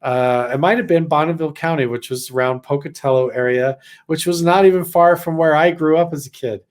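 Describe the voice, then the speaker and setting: A man's voice: on the high side, brisk. Rambling man from Idaho telling a story. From Idaho, USA. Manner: rambling, many "like" fillers, acts out quotes. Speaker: vlogger recounting a personal experience. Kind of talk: casual storytelling.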